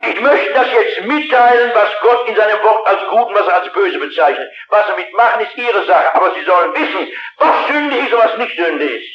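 A man's voice: sits high, expressive, a little fast, hardly any pauses. A man in his sixties preaching a revival sermon in a large hall, urgent and fervent, speaking straight to his listeners. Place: large hall with a big audience. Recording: dull lo-fi archival recording.

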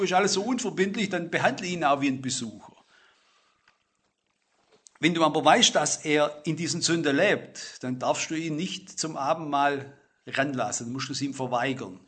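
Bright husky man preaching emphatically. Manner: emphatic, swings between loud stress and low asides. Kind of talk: sermon.

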